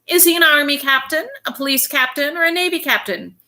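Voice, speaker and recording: A woman doing a shrill, fussy phone clerk. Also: brisk, bright, forceful tone. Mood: prim. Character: fussy high-voiced male city hall phone clerk.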